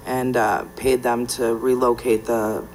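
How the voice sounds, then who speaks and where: A woman's voice: extremely low pitch, level tone, a little slow, a little mellow, a little hiss or hum, rough recording. A woman giving a plain, informal statement as a petitioner at a public meeting.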